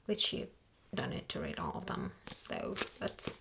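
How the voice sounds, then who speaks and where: A woman acts out a sassy, dismissive female librarian in a soft ASMR whispered role-play. Her library whisper is slow and breathy, sinking into creaky fry, with halting pauses between phrases. Clear background noise sits behind the voice. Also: rumbling low, huge pitch swings, full character voice. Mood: hushed, helpful.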